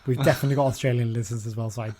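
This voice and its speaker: A man's voice: medium pitch, steady tone, very fast, darkish tone. Chatty man hosting a football podcast. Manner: chatty, with frequent restarts and self-corrections. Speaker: podcast host. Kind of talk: casual football chat.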